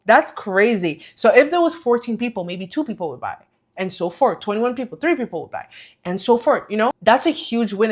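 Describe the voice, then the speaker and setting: Woman vlogger, casual talking-head delivery, lively and self-correcting. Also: mid-range voice. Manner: chatty, self-correcting, animated. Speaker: vlogger and coaching business owner.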